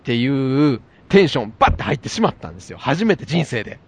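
A man's voice: medium pitch, fast talker, creaky, husky. Man with a Kansai accent telling a story. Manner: animated anecdote telling. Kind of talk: casual chat.

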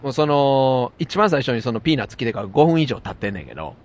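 A man with a Kansai accent telling an animated anecdote in casual chat. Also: medium pitch, quick pace. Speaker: storyteller.

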